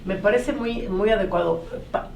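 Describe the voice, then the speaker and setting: A woman moderating a political panel discussion in a measured, steering way. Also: medium pitch, gravelly, darkish tone, slight background noise. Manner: measured, steering the talk, frequent backchannel. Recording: roomy echo, a bit far from the mic.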